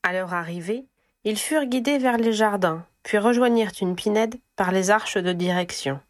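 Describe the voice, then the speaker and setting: A woman narrating a story aloud, steady and clear, raising her voice for the dialogue. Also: medium pitch, moderate pace, no echo, studio quality. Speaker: reader of fan fiction. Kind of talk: audiobook narration.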